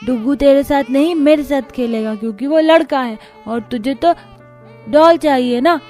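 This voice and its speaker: A woman's voice: high voice, normal speed, darkish tone, soft background music, natural voice. A woman voicing a bratty little boy who taunts his sister in a cartoon. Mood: taunting. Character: bratty little boy, teasing big brother.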